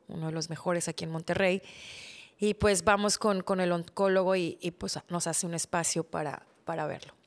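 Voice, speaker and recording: A woman in her thirties hosting a podcast, telling a personal story, acting out remembered dialogue, then growing quiet and soft. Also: on the low side. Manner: animated, acts out dialogue, trails off softly when recalling illness. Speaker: podcast host.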